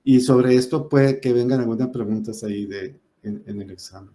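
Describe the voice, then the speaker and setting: A man's voice: medium pitch, moderate pace, dark tone. A man teaching a spoken lesson on rules, explaining step by step with frequent fillers and self-corrections.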